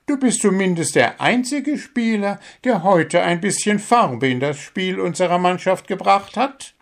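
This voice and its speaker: A man's voice: high-pitched, animated, measured pace, pitched above the performer's own voice. A man voicing a small, strict bird who coaches a football team, scolding and sarcastic.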